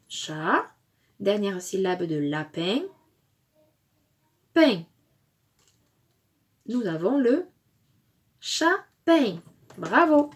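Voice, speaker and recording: A woman teaching young children their syllables at a very unhurried pace. Her fairly high voice swings widely as she punches out each sound and cheers the listener on. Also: a little hiss or hum. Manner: slow and deliberate, stressing each syllable loudly; encouraging, praising the listener. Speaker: kindergarten teacher. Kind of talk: phonics lesson for young children.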